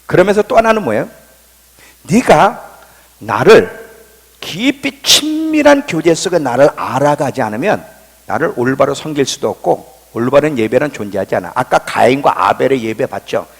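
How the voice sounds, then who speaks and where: A man pastor preaching a sermon in a church, impassioned and dramatic, swinging from loud cries to hushed near-whispers. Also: medium pitch, sing-song, normal speed, gravelly, slightly rough. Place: church sanctuary. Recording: long reverb of a church hall.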